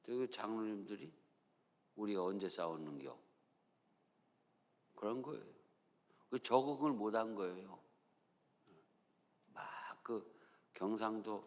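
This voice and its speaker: A man's voice: lowish voice, in a large hall. A male pastor with a Chungcheong accent, preaching a sermon in a folksy, storytelling way in a church. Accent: Chungcheong Korean. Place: church sanctuary.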